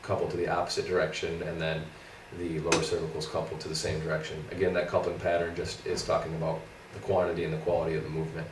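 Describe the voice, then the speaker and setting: A young man with a cold, his nasal, stuffed-up voice low and fairly flat as he chats through his school week. He sits some distance from the mic in a roomy space, with a faint hiss behind him. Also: fast, few pauses. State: congested, scratchy throat from a cold. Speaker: co-host, physical therapy student. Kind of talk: casual study recap.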